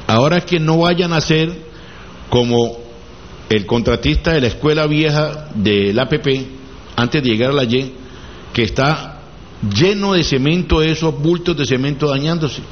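A man's voice: fairly high pitch, unhurried. A man hosting a local call-in radio show, taking listeners' calls and adding short remarks. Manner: brief, affirming interjections. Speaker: radio host. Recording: dull radio sound with faint noise.

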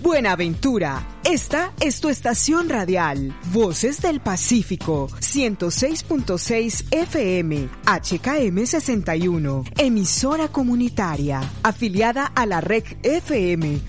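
A woman's voice: mid-range voice, sing-song, takes it slowly, hardly any pauses. A woman reading a scripted radio station identification in a lilting announcer delivery. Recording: radio station ID with music bed.

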